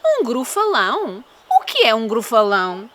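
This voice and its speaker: A woman's voice: a little high, huge pitch swings, a little slow, a bit bright, slight background noise, pitched below the performer's own voice, full character voice. A woman with a European Portuguese accent voicing a sly, falsely friendly, cowardly female fox in a storybook, in a coaxing, exaggerated manner. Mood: coaxing, curious. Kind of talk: storybook character voice.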